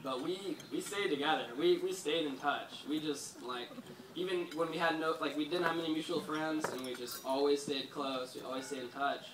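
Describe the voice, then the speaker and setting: Best man, twenties, slightly high voice, rambling storyteller; far off in an echoey hall with a crowd. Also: normal speed, background noise. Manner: rambling, storytelling with frequent "like" fillers. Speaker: best man giving a toast. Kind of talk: wedding toast speech. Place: large hall at a wedding reception.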